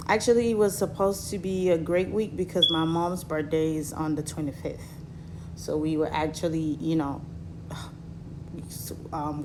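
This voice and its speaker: A woman in her thirties from Cameroon, telling her own story to her viewers in a halting way with many fillers, while recovering from surgery. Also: low voice, background noise. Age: 30s. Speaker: vlogger.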